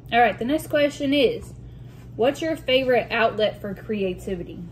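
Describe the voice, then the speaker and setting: A woman chatting casually as a vlog host while eating soup in a mukbang, reading out questions and pausing to clear her throat. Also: on the high side, animated, low-quality recording. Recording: noticeable room noise with dish and cutlery clatter. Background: clinking cutlery and dishes.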